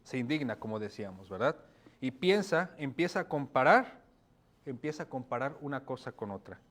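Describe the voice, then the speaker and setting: A man's voice: mid-range voice, lively intonation, normal speed, a bit bright. A man preaching a sermon, asking rhetorical questions and checking in with his listeners.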